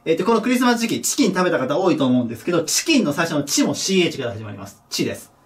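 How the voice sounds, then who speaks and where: A male teacher talks through a pronunciation lesson in a high, lively voice. His pitch rises and falls a lot, and he sinks to a low murmur when he repeats example words. The mic sits a little away from him. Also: rapid-fire. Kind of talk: recorded English pronunciation lesson. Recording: voice a bit distant from the mic.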